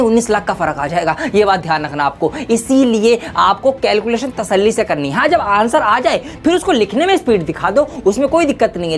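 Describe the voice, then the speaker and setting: Woman teacher giving emphatic exam warnings. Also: mid-range voice. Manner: emphatic, warning, addresses students directly. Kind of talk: exam tips lesson to students.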